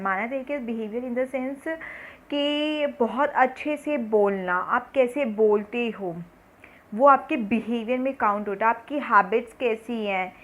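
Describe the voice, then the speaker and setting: A woman cosmetology instructor giving a classroom-style lesson. She reads English definitions slowly, then explains them patiently in everyday talk and repeats her points. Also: a little high, fairly bright tone, low-quality recording.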